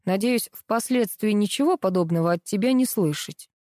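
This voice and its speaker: A woman voicing a calm, restrained adult son and husband in an audiobook reading. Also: mid-range voice, moderate pace, dry recording, clean studio sound, lightly acted.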